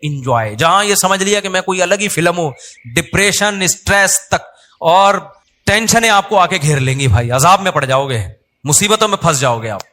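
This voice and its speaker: A man's voice: sits high, expressive, normal speed, bright, forceful tone. A man with a Pakistani Urdu accent giving a sermon, conversational and humorous, acting out quotes as he tells stories. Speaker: Islamic preacher.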